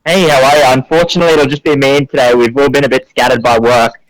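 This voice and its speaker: A man's voice: mid-range voice, fairly even intonation, quick pace, no echo. An Australian man with a Queensland accent, speaking casually as a musician being interviewed. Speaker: band musician interview guest. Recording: phone call on radio show.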